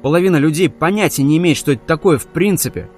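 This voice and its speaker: A man voicing a heartbroken, fiery young woman in an audiobook, lines pitched a little higher and louder. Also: fast talker, faint music behind, lightly acted. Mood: sniffling. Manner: shrill, sobbing outbursts.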